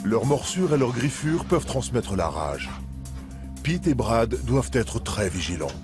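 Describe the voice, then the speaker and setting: A man's voice: mid-range voice, sing-song, measured pace. A man reading scripted narration for a nature documentary. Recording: music behind the voice.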